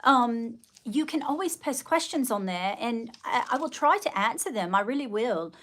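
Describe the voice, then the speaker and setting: A woman's voice: a little high, expressive, normal speed, fairly bright tone. A middle-aged woman hosting a casual livestream, chatting with viewers in an effusive, endearing way. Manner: effusive greetings and terms of endearment. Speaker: livestream host.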